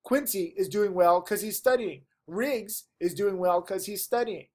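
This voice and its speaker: A trading teacher speaks directly to the camera in a lesson, his high voice stuffy and fading as he emphatically pleads with his students to study. He keeps an unhurried pace.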